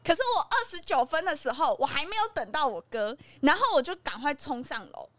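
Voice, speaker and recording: Lively high-pitched Taiwanese woman storyteller. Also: a little fast, no echo. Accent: Taiwanese Mandarin. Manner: animated storytelling, acts out quoted lines. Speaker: podcast co-host. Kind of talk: casual chat.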